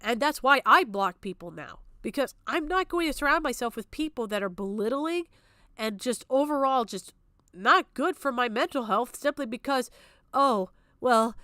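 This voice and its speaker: A woman streamer with a rather high, bright, forceful voice reacts to a recorded stream with heated off-the-cuff commentary. She is blunt and emphatic, swears freely, and repeats herself to make her point, all in a dry, clean studio recording.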